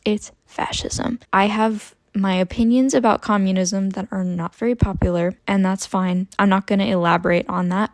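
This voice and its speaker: A young woman in her twenties chatting casually about her book haul, expressive and prone to tangents. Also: mid-range voice, vocal fry, dry recording. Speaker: book vlogger. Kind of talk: casual chat about books.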